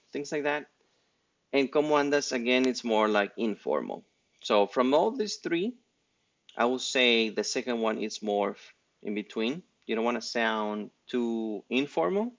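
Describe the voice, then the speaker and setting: A man's voice: medium pitch, vocal fry, muffled recording. A man from Mexico with a Mexican accent, giving a loose, unscripted Spanish lesson with many restarts and fillers. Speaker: Spanish teacher. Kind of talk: casual spoken language lesson.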